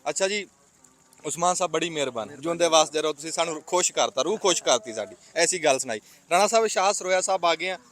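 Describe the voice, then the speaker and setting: A man's voice: fairly high pitch, expressive, quick pace, a bit bright. A man with a Punjabi accent chatting casually as a vlog host, in a wistful, reflective way. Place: outdoors in a rainy village. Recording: noisy outdoor vlog with vehicle and ambient noise.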